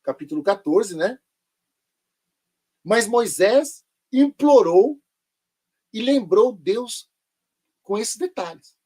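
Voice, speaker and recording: A man's voice: sits high, expressive, slow, long pauses, warm tone, slightly rough. A man teaching a live online Bible lesson, sarcastic and full of rhetorical questions.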